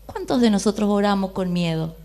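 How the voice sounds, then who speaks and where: A woman with a Rioplatense Argentine Spanish accent preaches a sermon in a mid-range voice at a fairly quick pace. She's lively, often questioning the audience and briefly voicing the people in her story.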